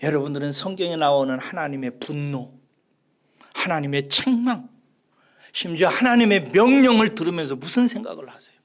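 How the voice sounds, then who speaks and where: A male pastor preaching a sermon, dropping to hushed whispers and rising to emphatic, raised lines. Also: on the high side, expressive, moderate pace.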